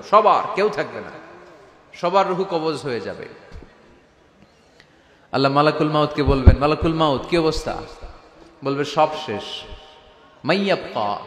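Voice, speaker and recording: Dramatic preacher man in a reverberant hall. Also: fairly high pitch. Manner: dramatic, rising to shouts and chanted recitation; calls out to the crowd. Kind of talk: sermon. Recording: echoey hall with long reverb.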